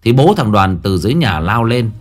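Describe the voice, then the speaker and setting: A man's voice: lowish voice, sing-song, brisk. A man narrating a Vietnamese ghost story in the first person, telling it in a dramatic way.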